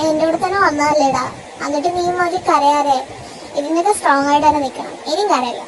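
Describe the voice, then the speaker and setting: A woman playing a fond, bossy young female friend in a home audio drama, teasing and scolding. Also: very high-pitched. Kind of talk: amateur audio drama acting. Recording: noisy home recording.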